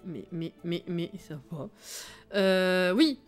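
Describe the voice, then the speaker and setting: A woman's voice: on the low side, expressive, slow pace. Chatty woman streamer over faint music. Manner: chatty, laughs often, reads chat aloud. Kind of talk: casual live-stream chat while playing.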